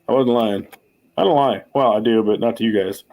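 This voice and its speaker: With a fairly low, slightly mellow voice and a somewhat quick pace, this forties livestream host chats casually. He wanders off on tangents, curses often and mocks himself.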